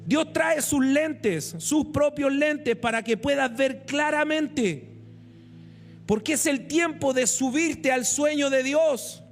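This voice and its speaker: A man's voice: very high voice, slow pace, soft background music. A man preaching a sermon, telling a story and asking the congregation questions. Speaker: pastor.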